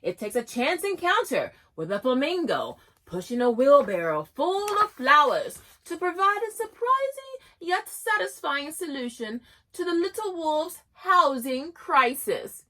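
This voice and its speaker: Over poor audio, a woman reviews children's books for homeschoolers in a chatty, enthusiastic way, reading short excerpts aloud with frequent restarts and laughs. Her high voice is bright and forceful, unhurried, with big pitch swings.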